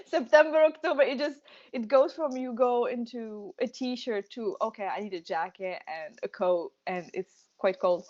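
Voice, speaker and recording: A young woman from Tunisia, a medical student, chatting casually in an interview, laughing often and pausing with fillers. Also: fairly high pitch, a little mellow, highs cut off.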